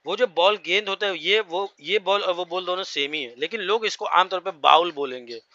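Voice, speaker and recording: Man, English teacher, bright, dry, dull muffled sound. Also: high voice, fairly quick, no echo. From India. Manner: explains each word with repeated checks to the class. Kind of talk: classroom vocabulary lesson.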